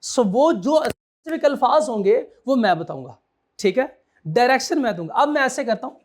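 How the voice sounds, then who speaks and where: A man's voice: very high-pitched, expressive, moderate pace. A man giving a classroom law lecture, quizzing students and repeating his key points.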